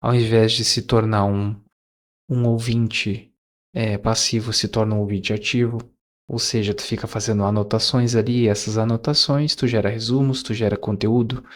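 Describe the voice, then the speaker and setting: Speaking at a moderate pace in a fairly low, steady voice, this YouTuber in his 20s muses casually to his audience. His reflective talk wanders, with filler words and frequent self-corrections.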